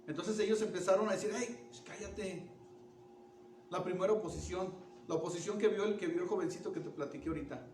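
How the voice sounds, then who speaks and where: A man preaching a sermon in an animated way, asking the congregation questions and restarting words. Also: sits high, racing, a little hiss or hum. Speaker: pastor. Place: church. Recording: echoey church room from far off.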